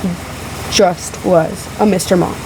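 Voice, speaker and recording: A woman vlogging a casual, emphatic rebuttal in halting phrases, sounding sick, emotional and a little out of breath, with a fan running in the room. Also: lowish voice, steady tone. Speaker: vlogger responding to a video. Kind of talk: casual rebuttal vlog to camera. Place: room in a house. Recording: loud fan noise in room. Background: fan running in the background.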